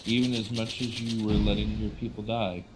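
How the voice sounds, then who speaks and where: A man's voice: on the low side, little pitch movement, moderate pace, slight background noise, poor audio. A man co-hosting a game stream, chatting casually and making dry, teasing remarks. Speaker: stream co-host. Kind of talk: casual live-stream chat.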